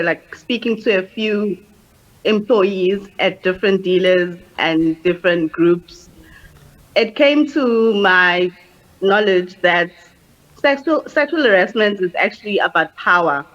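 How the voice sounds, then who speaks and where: A young woman speaks as a guest in a webinar interview. Her voice sits at a middle pitch. She answers in a soft, measured way. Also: highs cut off. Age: young adult.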